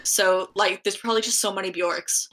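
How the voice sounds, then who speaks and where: Bright-voiced woman in rambling chat. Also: medium pitch, fairly even intonation. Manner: rambling, heavy use of "like", quick jokes. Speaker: podcast co-host. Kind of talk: casual chat.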